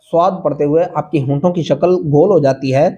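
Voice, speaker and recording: A man with a fairly high, warm, steady voice leads a Quran reading lesson. His drilling is slow and patient as he spells out letters and vowel marks, and he chants the words in long, sung lines.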